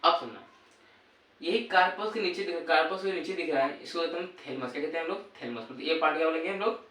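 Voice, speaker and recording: A man's voice: a little high, quick pace, fairly bright tone. A male teacher giving a classroom lesson, repeating terms and quizzing students in call-and-response. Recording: echoey room, voice from far off.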